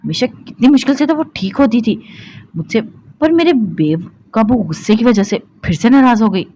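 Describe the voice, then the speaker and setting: A woman's voice: a little high, expressive, dry recording, muffled recording. A woman voicing a hot-tempered young husband. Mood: self-reproach. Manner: sharp, irritable.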